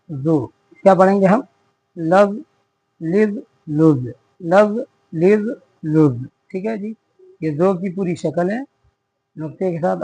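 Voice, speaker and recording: A man's voice: sits high, dry recording, poor audio. A man teaching an Urdu reading lesson, patiently sounding out syllables one by one and repeating them. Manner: patient, drawn-out syllable drills with repeated prompts. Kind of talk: slow spoken reading lesson.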